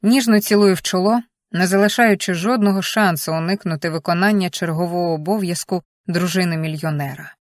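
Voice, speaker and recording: A young adult woman narrating a romance audiobook with an expressive, emotional reading. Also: lowish voice, fairly quick, no echo, studio quality. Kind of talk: scripted narration.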